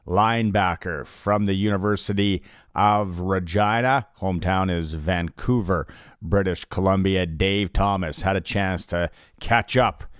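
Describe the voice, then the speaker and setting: A man's voice: on the low side, clear, resonant tone, no echo, clean studio sound. A man hosting a sports talk broadcast on radio. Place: radio studio.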